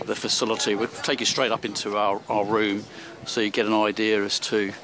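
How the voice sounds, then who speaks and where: Brisk and level in tone, a travel vlogger's fairly low voice guides viewers around a seaside hotel on a handheld camera. His narration wanders, loaded with fillers and false starts, covering hotel rooms and a seaside street while a crowd murmurs in the background.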